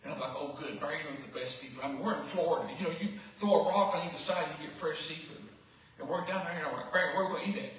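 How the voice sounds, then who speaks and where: A man in his fifties gives a loose, rambling memorial speech, his words full of fillers. He is picked up by a distant mic that leaves a boomy echo around him. A faint hum of the room sits underneath. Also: rapid-fire, fairly bright tone. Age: 50s. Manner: rambling, anecdotal, with many fillers. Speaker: eulogy speaker. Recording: echoey hall, mic far off.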